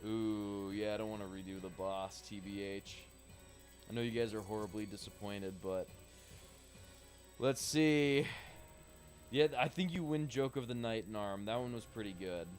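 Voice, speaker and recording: A man's voice: fairly low pitch, moderate pace, faint music behind. A man casually commentating while he plays a shooter game, swearing freely and chatting with his viewers. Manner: swears freely, chats loosely while playing. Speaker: game streamer. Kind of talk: casual let's-play commentary.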